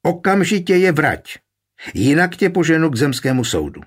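A man voicing a furious, husky young knight. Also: medium pitch, animated. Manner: shouting, threatening. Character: young ambitious greedy knight, hot-tempered. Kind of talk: audiobook character voice.

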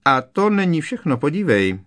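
A man voicing an arrogant teenage boy wizard in an audiobook, raising his voice into a loud, mocking taunt. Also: on the high side, big pitch swings, voice pushed up. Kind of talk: audiobook character voice.

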